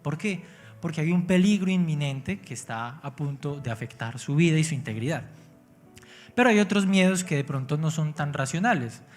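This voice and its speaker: A man's voice: on the high side, expressive, normal speed, faint music behind. Pastor preaching to his congregation. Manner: engaging, asks the congregation questions; humorous, self-mocking. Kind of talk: sermon. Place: church.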